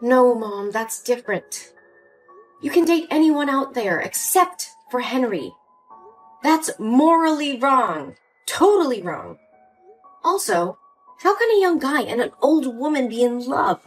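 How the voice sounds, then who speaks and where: A woman's voice: sits high, big pitch swings, unhurried. A woman voicing an emotional young daughter pleading with her mother in a story drama, with faint music behind. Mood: upset.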